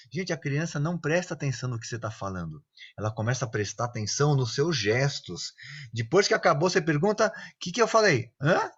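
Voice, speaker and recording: A man of middle pitch explains teaching tips in an online class. He talks in a casual, lively way and acts out his examples. The sound is a little dull and lo-fi. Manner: lively, acts out examples, often asks "né, gente?".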